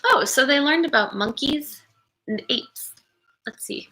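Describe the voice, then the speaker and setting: A woman teacher reads a picture book aloud to children in an expressive, encouraging way, stopping to wonder aloud and address her young listeners. Her voice is high-pitched, and the recording quality is low.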